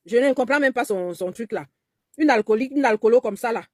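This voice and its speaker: A woman with a fairly high voice vents her anger in a personal monologue. She is insistent and repeats her phrases, sometimes mimicking someone else's pleading tone. The sound is dry and close. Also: a little fast, darkish tone, dry recording. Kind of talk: angry personal video monologue.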